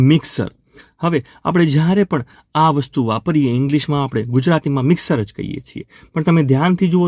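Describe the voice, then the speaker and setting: A man's voice: mid-range voice, a little mellow, no echo, studio quality. A man teaching English vocabulary to Gujarati speakers, patiently repeating each word and counting down for his learners.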